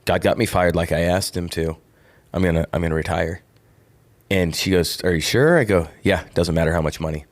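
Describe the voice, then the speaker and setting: A man's voice: low-pitched, a little fast. A middle-aged man, a former football player co-hosting a podcast, earnestly telling a personal story in casual chat.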